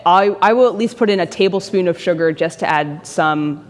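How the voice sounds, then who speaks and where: A woman's voice: lowish voice, moderate pace, in a large hall. A woman presenting a baking demonstration at a church forum, answering audience questions in a friendly, casual way. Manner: friendly, answers questions by name, laughs easily.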